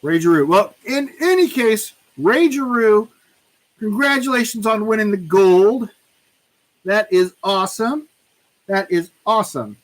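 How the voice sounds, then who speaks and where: A man chats through a live stream giveaway in an unhurried, drawn-out way. His voice sits noticeably high for a man. He is chatty and keeps circling back to repeat himself playfully. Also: lively intonation, poor audio. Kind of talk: casual live stream chat.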